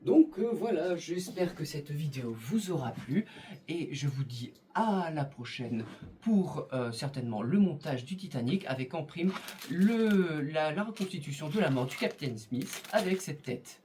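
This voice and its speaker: A man's voice: a little high, lively intonation, a little slow, warm tone, a little hiss or hum. A man hosting a casual unboxing video, rambling and joking, with mock-formal asides and lots of hesitations. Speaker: YouTube host unboxing Lego sets.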